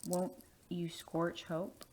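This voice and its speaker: A man voicing a worried young wife in a soft, hushed falsetto for an audiobook. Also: completely flat delivery, extremely slow. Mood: anxious. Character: worried young wife pleading for her husband. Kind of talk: audiobook character voice.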